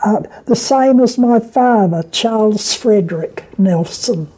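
An elderly woman with a New Zealand accent and a husky voice, reminiscing haltingly as she is interviewed at home. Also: a little high, warm tone, rough recording. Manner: halting, reminiscing, with repeated words and pauses. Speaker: oral history interviewee. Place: at home, indoors.

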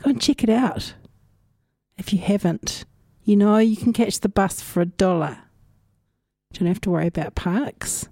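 A woman's voice: medium pitch, normal speed, dark tone, dry recording, clean studio sound. A woman with a New Zealand accent hosting a community radio music show, chatting casually in musing, unscripted asides. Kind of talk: casual radio chat between songs. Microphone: close radio studio microphone.

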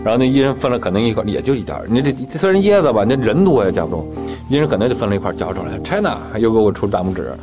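A man's voice: fairly low pitch, very animated, very fast. A man telling his own story in casual talk, acting out the dialogue as he goes, with guitar music behind him.

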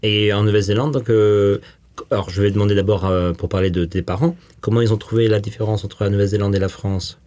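Man, very low voice, interviewer, teasing, probing questions. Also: fairly even intonation, quick pace, a little mellow. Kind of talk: casual conversational interview.

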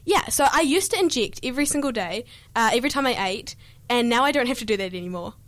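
A woman's voice: fairly high pitch, lively intonation, fast, fairly bright tone, no echo. A young woman with a New Zealand accent, co-hosting a youth radio show in bubbly, giggly casual chat. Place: radio studio.

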